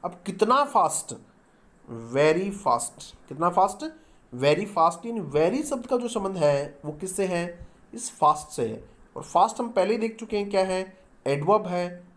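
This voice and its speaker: A man teaching a grammar lesson, who keeps asking the class questions and answering them himself and slowly spells out example sentences. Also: high-pitched, lively intonation, fairly bright tone.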